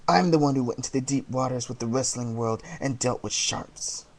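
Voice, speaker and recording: A man delivering a wrestling promo monologue as a heel, brooding and taunting, with theatrical, deliberate dramatic pauses. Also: medium pitch, creaky, a little mellow. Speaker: amateur wrestler cutting a promo as a heel character.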